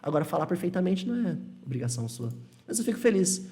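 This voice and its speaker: A man's voice: high-pitched, sing-song, fast talker, warm tone. A man from Brazil teaching English on a live stream, reading chat questions and answering them in a reassuring, repetitive way.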